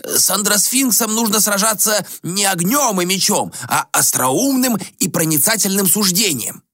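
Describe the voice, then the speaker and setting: Man voicing an old ascetic, meek, mumbling, formal, high voice. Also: lively intonation, moderate pace, bright, forceful tone, no echo, studio quality, exaggerated voice. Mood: fussy. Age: older.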